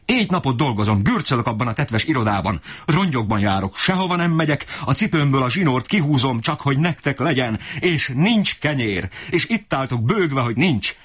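A man voicing an enraged, desperate poor father who shouts in fury. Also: lowish voice, sing-song, slightly rough, voice pushed up, full character voice. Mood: raging. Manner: shouting, raging.

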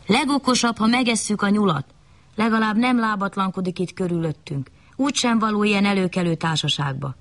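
A woman voicing a sly, scheming fox in a bedtime story, wheedling and flattering. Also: mid-range voice, natural voice.

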